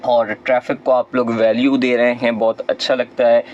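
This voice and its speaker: A man hosts a call-in radio show about traffic, taking calls and passing them to his guest. He talks at a measured pace and fills gaps with drawn-out "uh" sounds. The audio is a little dull and muffled. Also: mid-range voice, little pitch movement, a little mellow. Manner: measured, with frequent "uh" hesitations.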